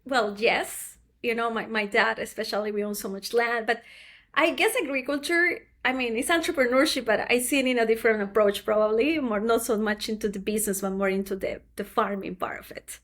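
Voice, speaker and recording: This Ecuadorian co-founder has a slightly high, fairly bright voice and a brisk pace. She's a guest in a casual interview, answering earnestly and stretching certain words.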